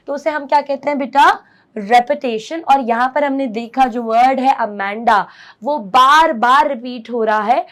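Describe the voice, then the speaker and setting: A woman teacher, mixing Hindi and as she explains a poem simply and keeps asking her students questions. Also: on the high side. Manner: explains simply, often asks the class questions; mixes Hindi and English. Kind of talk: classroom poetry lesson.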